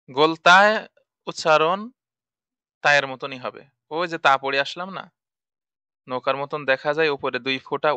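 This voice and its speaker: A man's voice: medium pitch, bright, forceful tone, dry recording. A man teaching Arabic letters for Quran reading, patiently repeating each sound drill-style.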